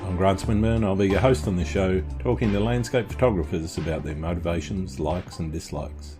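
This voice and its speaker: A man hosts a podcast, reading a steady intro and then chatting with a guest, saying "uh" often. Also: low-pitched, a little fast, over music. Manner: friendly, steady, says "uh" often. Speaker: podcast host.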